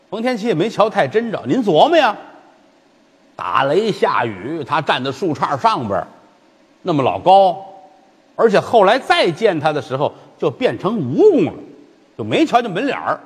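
A man telling a comic traditional story, lively and chuckling in asides to listeners. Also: fairly high pitch, husky, long reverb tail.

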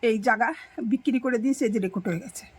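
A woman's voice: fairly high pitch, quick pace, slightly rough, dry recording. An older woman, rambling through an emotional personal account in an interview. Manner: rambling, tearful storytelling.

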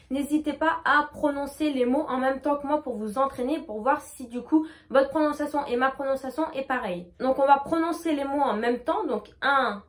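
Femme à la voix aiguë, leçon d'anglais. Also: female voice, high-pitched. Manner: slow, over-articulated demonstrations of English words. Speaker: English teacher. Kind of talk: pronunciation lesson.

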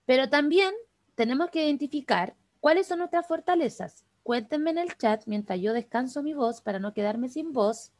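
Fast-talking Chilean woman teaching online. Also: high-pitched, animated, darkish tone, dry recording. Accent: Chilean Spanish. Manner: fast, chatty, addresses participants directly. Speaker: workshop instructor. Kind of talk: online class talk. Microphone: video call.

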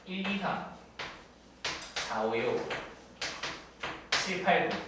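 A male math teacher giving a classroom lecture, often stopping to check in with students through quick tag questions. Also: high voice, a bit bright. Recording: echoey room, distant mic, faint noise.

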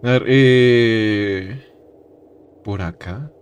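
A young man streaming a horror game, jumpy and loud, yelping in fright, chanting phrases over and over and laughing often. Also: on the low side, extremely slow, smooth, no echo. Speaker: gaming streamer. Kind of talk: let's-play game commentary.

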